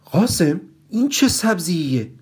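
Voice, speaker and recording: A bossy older head of the family, voiced by a man reading a story aloud. He talks loudly and commandingly, drawing his words out when he praises. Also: high-pitched, very animated, husky, pitched above the performer's own voice, exaggerated voice.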